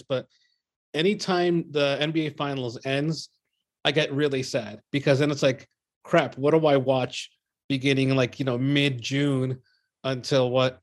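A man with a slightly high-pitched voice chats casually as a podcast co-host. His delivery is informal and meanders from thought to thought. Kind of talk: casual sports podcast chat.

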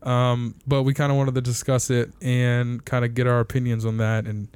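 A man's voice: medium pitch, completely flat delivery, normal speed, a little mellow, smooth, no room sound. A young man hosting a casual podcast, rambling, laughing often and swearing loosely. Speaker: podcast host.

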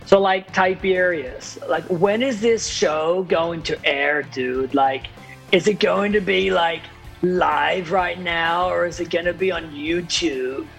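A man's voice: on the high side, takes it slowly, vocal fry, a bit bright, soft background music, heavily acted. A man putting on a drawling American dude. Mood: breezy. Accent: American, put on. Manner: drawling, filler-heavy surfer talk. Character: laid-back young American dude.

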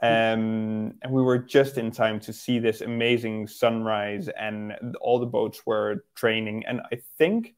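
A man's voice: lowish voice, little pitch movement, measured pace, hardly any pauses, clear, resonant tone. Hesitant Dutch-born man, guest photographer. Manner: hesitant, many fillers and restarts. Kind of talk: casual interview chat.

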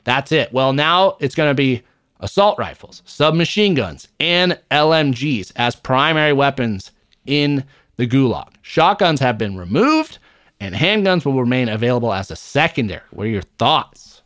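A man's voice: mid-range voice, expressive, moderate pace, fairly bright tone, no echo, clean studio sound. A man co-hosting a gaming podcast, talking bluntly and opinionated with plenty of swearing. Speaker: podcast co-host. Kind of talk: casual gaming podcast chat.

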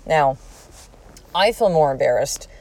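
A woman's voice: sits low, measured pace, no room sound. Candid, profane woman in her forties. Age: 40s. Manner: candid and profane, animated retelling with quoted speech. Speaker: podcast host. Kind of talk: personal storytelling monologue.

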